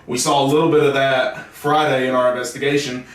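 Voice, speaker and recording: A man's voice: mid-range voice, little pitch movement, brisk, fairly bright tone. Rambling young man hosting, roomy echo. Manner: rambling, stumbles over words. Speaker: podcast host. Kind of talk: casual chat. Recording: roomy echo, mic at a distance.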